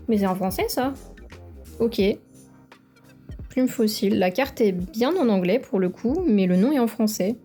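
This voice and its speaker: A woman's voice: mid-range voice, dark tone. A young woman, chatting enthusiastically as she opens trading card packs and praises each card. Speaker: card-opening video creator. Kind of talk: casual card-opening commentary. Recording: faint background music.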